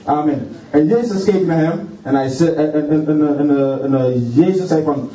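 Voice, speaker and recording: Halting fervent preacher man, far off. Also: a little high, dark tone. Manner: fervent, halting, punctuates with hallelujah, many repeated words. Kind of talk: sermon. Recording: distant, roomy, dull sound.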